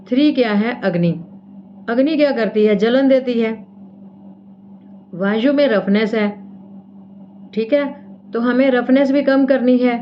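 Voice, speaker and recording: A woman's voice: mid-range voice, highs cut off, a little hiss or hum. A woman teaching acupressure and explaining each step while she demonstrates, checking in often with her viewers. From India. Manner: explains step by step, repeats "theek hai" often. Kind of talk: casual demonstration lesson.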